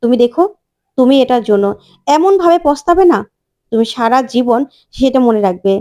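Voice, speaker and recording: A woman's voice: a little high, animated, moderate pace, warm tone, close to an everyday voice. A woman voicing a hurt young woman who speaks firmly and reproachfully. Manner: firm, reproachful.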